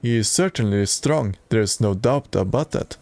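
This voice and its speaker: A man's voice: fairly low pitch, lively intonation, normal speed, darkish tone, dry recording. A man streaming a video game and reading its dialogue aloud in a plain way, with occasional stumbles.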